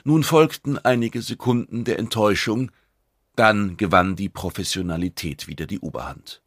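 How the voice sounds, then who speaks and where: A man narrating a science-fiction audiobook in an even, deliberate storytelling manner. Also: on the low side, no echo, studio quality. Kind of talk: scripted narration.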